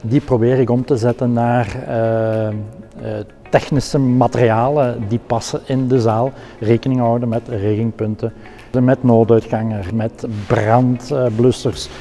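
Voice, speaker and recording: A man's voice: mid-range voice, flat delivery, unhurried, warm tone, faint music behind. A middle-aged man with a Flemish accent, a technical production director explaining his work in a practical, hesitant way with many fillers.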